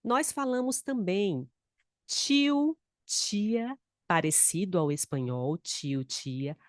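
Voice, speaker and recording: In an online Portuguese lesson, a woman with a Brazilian accent speaks in a low, sing-song voice, taking her time and patiently repeating words. She mixes Spanish and Portuguese mid-sentence. It's a close-mic, screen-shared recording with studio quality and no echo.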